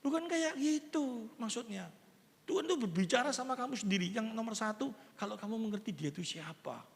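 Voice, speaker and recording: Older pastor preaching, chatty, gravelly, big echoey church hall. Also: male voice, extremely high pitch, a little fast. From East Java, Indonesia. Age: 60s. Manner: lively, conversational preaching with everyday examples. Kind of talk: sermon. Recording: long reverb of a church hall.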